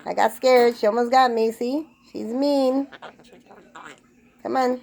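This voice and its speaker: A woman's voice: on the high side, fairly even intonation, slow pace, gravelly, a little mellow. A woman casually talking to her pet parrot, coaxing it in a sing-song voice and dropping in Spanish pet words. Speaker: pet bird owner.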